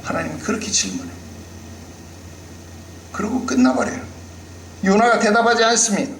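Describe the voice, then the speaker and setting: A man's voice: high-pitched, lively intonation, moderate pace, a bit bright, roomy sound, slight background noise, low-quality recording. A male pastor preaching a sermon with emphasis, often putting rhetorical questions to the congregation.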